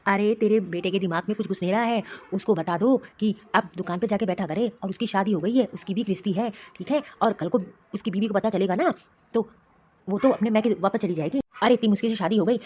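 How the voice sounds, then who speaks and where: A woman's voice: mid-range voice, a little fast, a little mellow, slightly rough, dull audio, close to an everyday voice. A woman voicing a worried, grumbling older father-in-law who runs a shop, in a cartoon story. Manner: grumbling, pleading.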